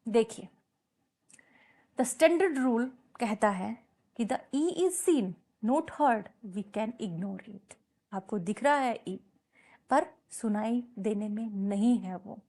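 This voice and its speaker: A woman's voice: fairly high pitch, dark tone. A woman teaching an English lesson, switching between Hindi and English and patiently repeating example words. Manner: mixes Hindi and English, checks understanding with repeated questions. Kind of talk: classroom lesson explanation.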